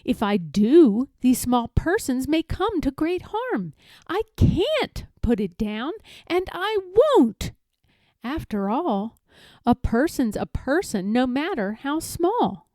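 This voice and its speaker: Woman voicing an earnest, gentle storybook elephant, very lively pitch. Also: slow, no echo, heavily acted. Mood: worried, resolute. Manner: gentle, sincere, emphatic. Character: kind, earnest, protective male elephant. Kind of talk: children's storybook read-aloud.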